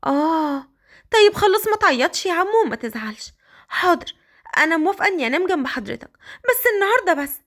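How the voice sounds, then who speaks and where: A woman voicing a shy orphan girl, high. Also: very animated, fairly bright tone, exaggerated voice. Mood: anxious. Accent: Egyptian Arabic. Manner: pleading, high and quick. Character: timid young orphan girl, shy and anxious.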